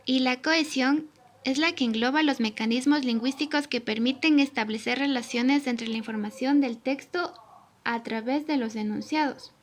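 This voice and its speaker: A woman's voice: high voice, normal speed. A young woman student reading a language tutorial aloud from a script, steadily spelling out examples. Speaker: student presenter. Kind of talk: read-aloud tutorial narration.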